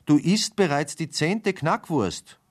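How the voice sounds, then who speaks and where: Man voicing a young boy, high, fussy, scolding, storybook. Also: animated, takes it slowly. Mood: fussing. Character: boy Hänsel, cautious and fussing.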